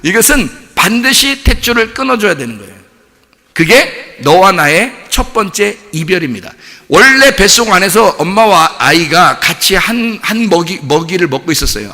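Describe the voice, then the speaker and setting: A man preaching a sermon, animated and playful, putting questions to the congregation and answering them himself. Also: sits high. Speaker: pastor. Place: church. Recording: church hall with long reverb.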